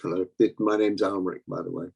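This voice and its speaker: A man's voice: sits low, steady tone, quick pace, creaky, a little mellow, breathy edge, dull audio. An English man asking a question in an online meeting, hesitant and wordy. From England. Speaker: meeting participant.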